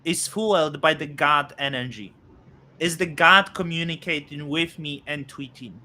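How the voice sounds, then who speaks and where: Bright-voiced man in his thirties. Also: on the high side. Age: 30s. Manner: halting, many fillers and restarts. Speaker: host. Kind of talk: casual crypto podcast chat.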